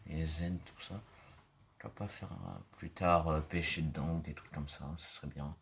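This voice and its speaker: A man with a deep, low voice talks through his gameplay in a loose, rambling way, leaning on fillers and now and then sinking into soft murmurs. Faint mouse and keyboard clicks sit behind him. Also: fairly even intonation, moderate pace, creaky, a little hiss or hum. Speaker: gaming video creator. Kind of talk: casual gameplay commentary.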